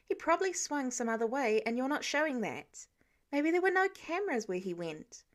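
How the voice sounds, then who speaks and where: A jittery teenage boy hero, dodging every question with flustered, polite excuses, as a woman reads him in a storybook podcast. His voice jumps up and down as he scrambles for cover, sitting a touch higher than the narration around him. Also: sing-song, moderate pace. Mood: evasive. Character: nervous evasive teenage boy superhero.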